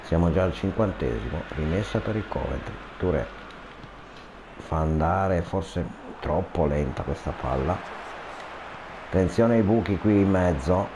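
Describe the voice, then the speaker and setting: A man giving amateur football commentary on a video game match, with casual asides and excited repeats of player names as attacks build. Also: low-pitched, unhurried. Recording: clearly noisy home recording.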